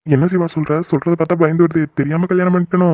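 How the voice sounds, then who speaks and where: A playful cartoon husband who loves to tease his wife's family, voiced by a man. He talks quickly in a slightly high, dry voice. The sound is a bit dull and lo-fi. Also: fairly even intonation, warm tone, no echo, close to an everyday voice. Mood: teasing. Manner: playful teasing, joking. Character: good-natured teasing husband, brother-in-law. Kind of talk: cartoon voice acting.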